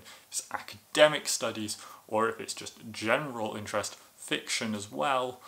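Bright-voiced man reviewing to camera. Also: fairly low pitch, vocal fry. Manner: enthusiastic, explanatory. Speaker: video reviewer.

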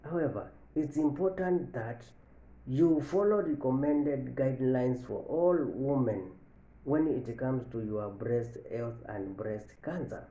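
A man in his thirties giving a health lesson to camera from an office, slowly repeating each point and stressing the key lines. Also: medium pitch, mellow, highs cut off. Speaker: medical educator. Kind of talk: health education talk to camera. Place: office with large window, indoors. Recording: echoey room.

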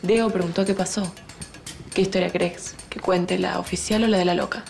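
A woman's voice: on the low side, steady tone, normal speed, gravelly, a little mellow, soft background music. An actress playing a distraught pregnant woman in a telenovela, with a Rioplatense accent, speaking in a bitter and accusing way. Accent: Rioplatense Spanish. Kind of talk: telenovela acting.

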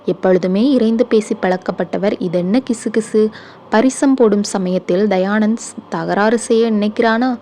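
Audiobook reader, female, mellow and even storytelling tone. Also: mid-range voice, moderate pace, slight background noise. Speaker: audiobook narrator. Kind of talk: scripted story narration.

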